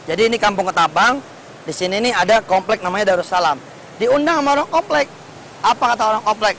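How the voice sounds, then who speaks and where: A man preaching a sermon, telling stories in a lively, colloquial way and putting rhetorical questions to the congregation. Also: high voice, fast, slight background noise, rough recording. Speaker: Islamic preacher.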